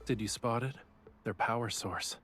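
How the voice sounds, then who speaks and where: An actor as Rafayel, bright-voiced teasing young man. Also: medium pitch, normal speed, soft background music, natural voice. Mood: cool, focused. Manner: smug, playful, coaxing. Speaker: game character voice actor. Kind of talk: romance game voice acting.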